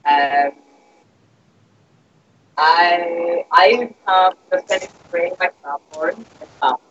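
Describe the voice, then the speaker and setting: A man's voice: high voice, takes it slowly, a bit bright, lo-fi sound, slight background noise. Mumbling man, volume cutting in and out. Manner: mumbling, far from the mic. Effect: mic cutting out, uneven volume. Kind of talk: casual group chat on a call.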